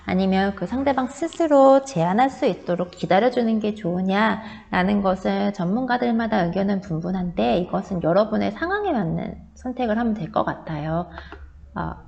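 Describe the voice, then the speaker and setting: A woman's voice: mid-range voice, lively intonation, moderate pace, vocal fry, darkish tone. Woman teacher lecturing in a reverberant room. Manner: explaining step by step, acting out quoted lines. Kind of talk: recorded online class lecture.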